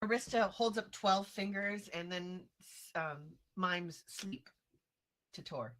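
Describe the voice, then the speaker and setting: A woman's voice: mid-range voice, slow pace, a bit bright. A woman playing a tabletop game, playful in how she describes her moves. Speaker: player. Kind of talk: tabletop game play over a stream.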